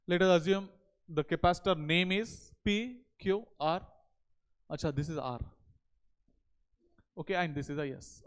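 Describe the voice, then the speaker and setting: Indian guy teaching a class, high clear voice, keeps asking little check questions. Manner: repeated check questions and tag words. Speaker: physics teacher. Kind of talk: board lecture to exam students. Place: indoor teaching studio at a digital board. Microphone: headset.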